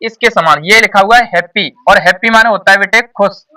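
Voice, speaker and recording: Bright-voiced male tutor, heard from afar. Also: sits high, a little fast, distant mic. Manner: repeats points and asks the class questions. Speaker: tuition teacher. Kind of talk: classroom exam-prep lesson.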